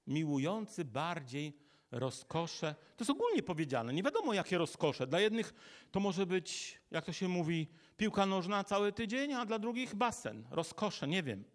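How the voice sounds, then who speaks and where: A man's voice: high voice, very animated, moderate pace. A man preaching a sermon in a conversational way, asking his listeners rhetorical questions and acting out little imagined dialogues.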